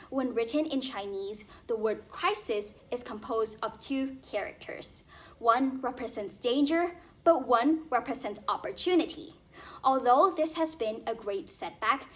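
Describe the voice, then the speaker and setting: High-voiced young woman, stiff memorized speech. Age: young adult. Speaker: speech contest competitor. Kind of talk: rehearsed formal contest speech.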